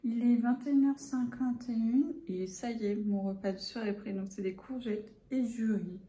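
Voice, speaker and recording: A young woman from the Paris area, a student vlogging her week in a casual, rambling way, pausing often with fillers. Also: a little high, steady tone, roomy sound, rough recording. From Paris area, France. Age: young adult. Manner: chatty, rambling, hesitant with frequent fillers. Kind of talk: casual vlog narration.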